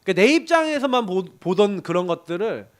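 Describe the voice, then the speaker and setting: A middle-aged man preaching to a young adults group, telling animated stories and often laughing. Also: sits high, a little fast. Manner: animated storytelling with laughs and acted quotes. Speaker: pastor.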